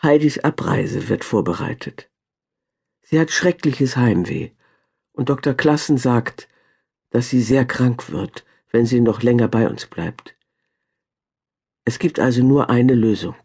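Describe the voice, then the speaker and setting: A woman voicing a calm, gentle wealthy father in a storybook reading, speaking in a measured way. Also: rumbling low, creaky, breathy edge, exaggerated voice.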